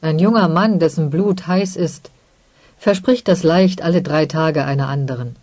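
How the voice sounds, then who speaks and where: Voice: mid-range voice, normal speed, a little mellow, dry recording, natural voice. A reader voicing a blunt, worldly older merchant who scolds his daughter. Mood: dismissive.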